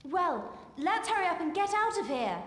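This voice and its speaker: Hermione, very high bossy schoolgirl witch. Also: big pitch swings, moderate pace, fairly bright tone, soft background music, heavily acted. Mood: chiding. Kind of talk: video game cutscene acting. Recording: echoey with noise behind.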